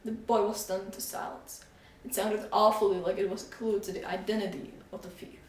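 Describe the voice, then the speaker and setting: A woman reading a children's storybook aloud with an expressive, animated delivery. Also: mid-range voice, fairly quick. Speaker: reader. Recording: echoey room, voice from far off.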